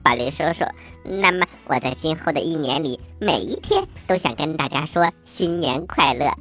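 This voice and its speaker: Children's story frog: croaky, playful, exaggerated, very animated delivery. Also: male voice, a little high, moderate pace, faint music behind. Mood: eager. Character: cheerful eager little talking frog, knowledgeable time-machine guide. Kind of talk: children's audio story acting.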